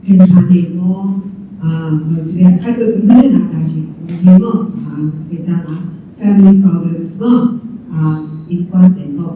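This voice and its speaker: A woman's voice: on the low side, moderate pace, a little hiss or hum. A woman giving a lecture on self care with slides, mixing English terms into her talk and laughing lightly now and then. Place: church hall. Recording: echoey hall from far off, dull.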